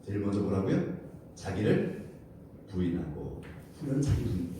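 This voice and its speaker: A man preaching in a church with a mellow, dark voice that swings widely up and down. He keeps questioning his congregation and tells the story with animated energy. The sound is very echoey and comes from a distant mic, with a faint hiss underneath. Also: deep voice, brisk. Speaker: pastor. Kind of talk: wednesday prayer service sermon. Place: church sanctuary.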